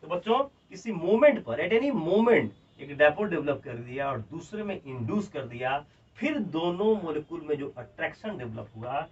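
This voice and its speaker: A man's voice: a little high, moderate pace, husky. A male chemistry teacher with a Bihari accent lecturing a class, repeating each point and dictating notes word by word. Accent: Bihari Hindi. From India. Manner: repeats points and keeps calling the students children; emphatic, animated explaining, dictating notes word by word. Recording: distant, dull lo-fi classroom audio.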